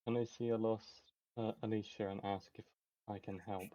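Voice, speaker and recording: Low-voiced man running a tabletop game. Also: flat delivery, normal speed, warm tone, dull audio. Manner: hesitant, many fillers. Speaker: game master.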